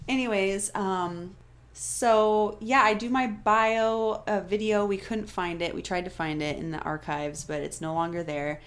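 A young adult woman co-hosting a podcast, telling stories in a chatty, animated way. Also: medium pitch, unhurried. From Florida. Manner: chatty, animated storytelling with laughter. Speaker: podcast co-host. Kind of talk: casual chat.

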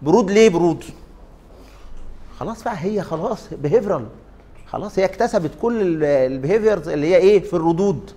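A man's voice: high voice, lively intonation, fast talker, mellow. A man with an Egyptian Arabic accent giving an interactive lecture. He often questions the class and stretches out his fillers.

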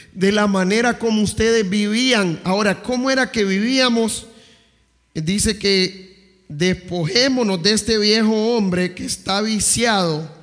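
Preacher, male, high voice, long hall reverb, questions the room as he goes. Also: a bit bright. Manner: asks the congregation questions. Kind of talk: sermon.

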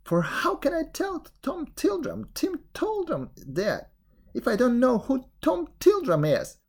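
Woman reader doing a wide-eyed sexton spinning a spooky yarn, slow and animated. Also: gravelly, exaggerated voice. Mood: excited, eerie. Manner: breathless storytelling, rising pitch, wondering. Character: excitable middle-aged male village sexton. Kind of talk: storybook reading.

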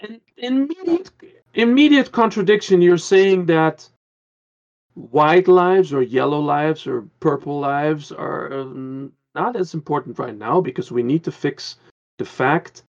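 A man's voice: on the high side, measured pace, lo-fi sound. A man from the Caribbean, a guest on a podcast, talking in an earnest, rambling way with many restarts. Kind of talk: casual podcast conversation.

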